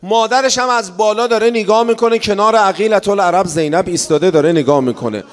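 High-voiced man preaching a lament. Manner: chanted storytelling rising to wailing shouts. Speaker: mourning preacher. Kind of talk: lamenting religious sermon. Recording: reverberant hall.

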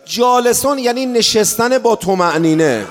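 A man giving a mourning sermon, chanting the story and rising into wailing shouts. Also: very high voice, expressive. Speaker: mourning preacher. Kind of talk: lamenting religious sermon. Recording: reverberant hall.

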